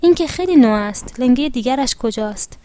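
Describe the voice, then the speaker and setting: Woman voicing a friendly peddler man in a storybook, lightly raised pitch. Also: expressive, dark tone, no room sound, close to an everyday voice. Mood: surprised. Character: kindly male street salt seller.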